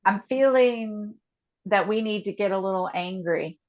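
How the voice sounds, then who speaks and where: A woman's voice: medium pitch, a little slow, a little mellow, lo-fi sound. A woman leading a guided tapping session on a video call, speaking earnestly and emotionally in short repeated statements.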